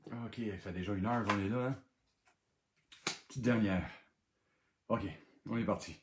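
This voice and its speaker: A man's voice: on the low side, unhurried, reverberant, slight background noise. A man with a Québécois accent hosting a live-streamed game night, laughing often and exclaiming as he reads answers aloud over and over. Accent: Québécois French.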